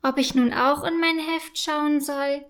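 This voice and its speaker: A woman's voice: high-pitched, steady tone, unhurried. A woman reading as a glum little schoolgirl. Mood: pensive. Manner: gently read storybook character voice. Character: unhappy young schoolgirl, sulky then cheerful.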